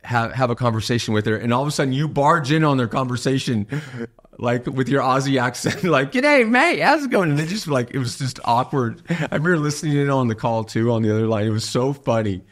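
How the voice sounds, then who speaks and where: A man hosting a casual podcast chat, excitable and quick to laugh. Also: medium pitch. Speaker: podcast host.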